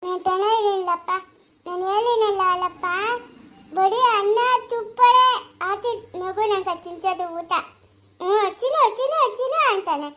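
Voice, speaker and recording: Woman doing a very high lisping simple daughter. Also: normal speed, a bit bright. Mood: earnest. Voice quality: lisping, childlike speech. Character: simple-minded, lisping young married daughter. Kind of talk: family skit acting.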